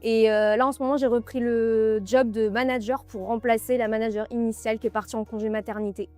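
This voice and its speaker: A woman managing a bubble tea shop, answering interview questions in a relaxed, chatty way. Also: a little high, fairly quick, faint music behind. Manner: relaxed, chatty, laughs easily.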